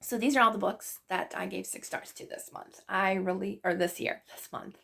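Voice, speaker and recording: A woman's voice: medium pitch, fairly even intonation, normal speed, creaky, fairly bright tone. A woman book vlogger chatting casually about books she loved, gushing and full of fillers. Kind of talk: casual book review chat.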